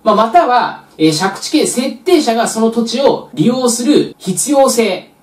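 A woman's voice: a little high, very animated, measured pace. A woman tutor giving a patient, step-by-step explanatory lecture for a real estate exam. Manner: patient, step-by-step, frequent filler "まあ". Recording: roomy echo, distant mic.

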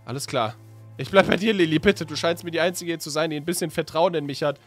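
A man with a fairly high voice plays himself in a Minecraft story. He talks in loose, slangy chat and often sounds confused, stopping and restarting his sentences. Soft music plays quietly behind him. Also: fast. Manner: slangy and casual, often asking what is going on. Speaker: YouTuber playing his own character in a Minecraft story. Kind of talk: role-played Minecraft story with casual chat.

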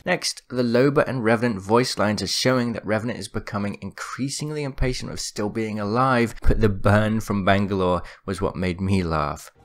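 Lowish-voiced man hosting gaming commentary. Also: moderate pace, hardly any pauses. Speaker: video host.

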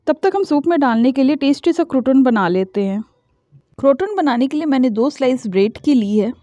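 A woman talks through a home recipe in a calm, instructional voice-over. Her voice sits high but has a mellow tone. The recording is dry and a little dull, like a lo-fi home take. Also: a little fast, no echo. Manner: calm, instructional, explains each step. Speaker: cooking channel host. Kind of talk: step-by-step cooking voice-over.

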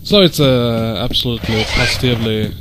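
A man casually commentating a video game as he plays, rambling with halting fillers and swearing at the game. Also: medium pitch, very noisy. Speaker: gameplay commentator. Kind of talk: casual let's-play commentary. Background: loud game music.

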